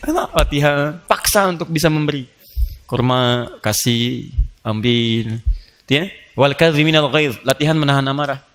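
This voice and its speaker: A man preaching a lively sermon, playful and animated, joking with the audience and acting out little scenes. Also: mid-range voice, moderate pace. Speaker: Islamic preacher.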